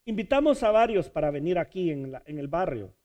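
A man preaching a sermon, building to loud, repeated appeals and stretching key words slowly. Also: on the high side, very animated. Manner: preaching with rising, shouted repetitions and slow, drawn-out emphasis. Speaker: pastor.

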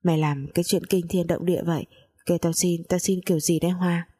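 A woman's voice: fairly low pitch, steady tone, quick pace, warm tone, husky. A woman reading a tearful old housekeeper. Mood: reproachful. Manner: tearful, reproachful. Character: older weeping female housekeeper.

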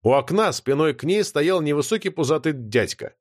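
A man narrating an audiobook in an expressive reading style. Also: on the high side, moderate pace, no echo, clean studio sound.

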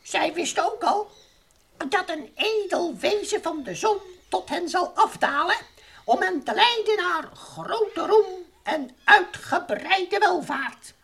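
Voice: extremely high pitch, expressive, slow pace, gravelly, fairly bright tone, full character voice. A performer voicing Professor Kwartje, a haughty, mischievous little alien who chatters grandly in nonsense-peppered speech in a children's radio play. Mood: smugly explaining. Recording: old radio recording with faint noise.

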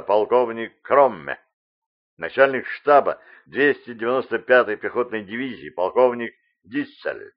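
A man reading a formal wartime radio bulletin in a slow, measured, solemn announcer's declamation. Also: medium pitch, highs cut off.

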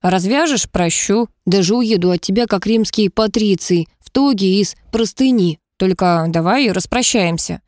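A woman's voice: mid-range voice, normal speed, hardly any pauses, no echo, natural voice. A cold, sarcastic male director voiced by a woman narrator barks short, biting lines in an audiobook. The voice sits mid-range and the sound is dry and close, with no room around it. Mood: irritated. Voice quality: sharp, sarcastic.

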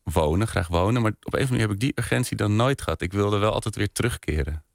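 Low-voiced, hesitant man in a dry studio. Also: fast talker, vocal fry, no echo. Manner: hesitant, self-deprecating, lots of restarts. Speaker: podcast maker, interview guest. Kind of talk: relaxed radio interview chat.

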